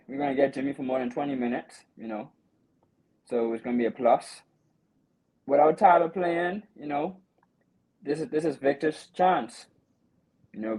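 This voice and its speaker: A man hosting a casual sports chat, talking through a game in an animated way and peppering it with "you know" and "bro.". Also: mid-range voice, poor audio. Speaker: podcast host.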